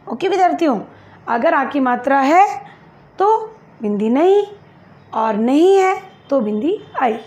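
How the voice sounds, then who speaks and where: A woman's voice: sits high, lo-fi sound. A woman teacher giving a lesson to young pupils, patiently spelling words out syllable by syllable and asking and answering her own questions. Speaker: school teacher.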